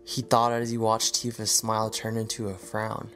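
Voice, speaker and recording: A man narrating a fan audio drama as a storybook reading in a steady, even manner. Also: on the low side, moderate pace. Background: faint music.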